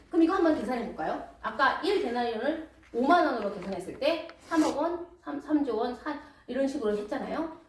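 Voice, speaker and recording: A woman preaching a storytelling sermon in a church, high and lively, often asking her congregation questions. She sounds distant in a roomy hall, with faint noise underneath. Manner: animated, asks the congregation questions.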